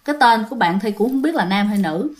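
A woman's voice: medium pitch, lively intonation, fast. Chatty woman telling ghost stories. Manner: chatty, addresses listeners directly. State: phlegmy throat. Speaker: ghost story narrator. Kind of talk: casual storytelling narration.

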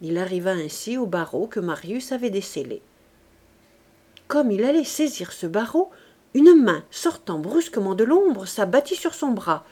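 Mellow-voiced woman reading a novel. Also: mid-range voice, sing-song, normal speed, slightly rough. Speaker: audiobook narrator. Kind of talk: reading a classic novel aloud.

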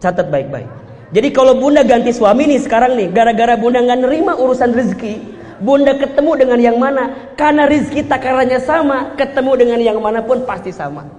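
High-pitched animated Sundanese preacher. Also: male voice, brisk. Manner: animated, joking, playful asides. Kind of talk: Islamic lecture to women. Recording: echoey hall with background noise.

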